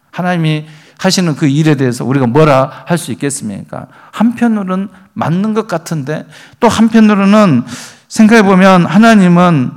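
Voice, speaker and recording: A man preaching a sermon as pastor, reading scripture aloud and building emphasis. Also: fairly high pitch.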